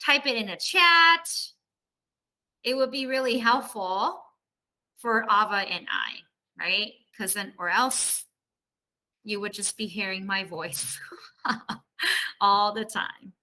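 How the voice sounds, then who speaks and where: A woman professor with a mid-range, pushed and bright voice takes it slowly, pausing often, as she teaches an online class by video call. She keeps the lesson casual and conversational, explaining and frequently checking for agreement.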